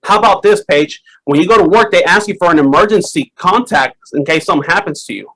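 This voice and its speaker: High-voiced male sales coach, lively and animated, talks straight to the room. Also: fast talker, rough recording. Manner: energetic, animated coaching, addresses audience as y'all. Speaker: insurance sales trainer. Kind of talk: sales training talk.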